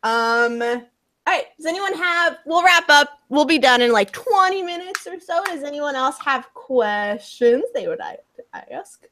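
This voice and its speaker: A woman's voice: high voice, lively intonation, unhurried, a bit bright. A young woman co-hosting a casual group podcast, talking with enthusiasm and laughing often. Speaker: podcast co-host.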